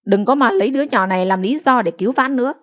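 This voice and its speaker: A woman's voice: on the high side, fast, pitched above the performer's own voice, close to an everyday voice. A woman voicing a cruel haughty young wife. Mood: scornful. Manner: sharp, scornful and commanding.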